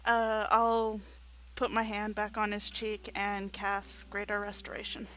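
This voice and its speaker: A woman playing her cleric at a tabletop game, playful and quick to laugh. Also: medium pitch, monotone, a bit bright, a little hiss or hum. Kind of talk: casual tabletop game play.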